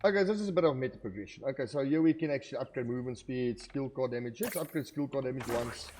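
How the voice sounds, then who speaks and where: A man's voice: medium pitch, fast talker, darkish tone, slight background noise. A man giving casual let's-play commentary, thinking aloud and saying 'okay' a lot. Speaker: gaming video creator. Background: faint game music.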